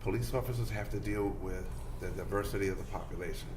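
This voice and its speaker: A man's voice: lowish voice, quick pace, noisy background. A man hosting a talk show, blunt and pressing his points with a repeated "okay?". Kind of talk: casual interview talk.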